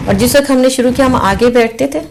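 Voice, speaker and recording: A woman's voice: high-pitched, creaky, crowd noise. A woman guest speaking earnestly and thoughtfully about her experiences, slipping English words into her speech. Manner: earnest and reflective, mixes English words into Urdu. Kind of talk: casual chat.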